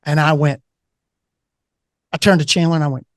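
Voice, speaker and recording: A middle-aged man, a guest author telling an animated anecdote and acting out the voices in it. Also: a little high, moderate pace, no room sound, clean studio sound. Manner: animated anecdote-teller, acts out quoted voices. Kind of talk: casual storytelling interview.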